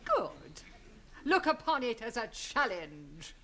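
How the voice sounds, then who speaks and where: A woman's voice: fairly high pitch, big pitch swings, takes it slowly, sharp tone, heavily acted. An actress playing a prim, formal and bossy woman school head in a 1970s sitcom. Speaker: school principal. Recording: faintly hissy old TV broadcast.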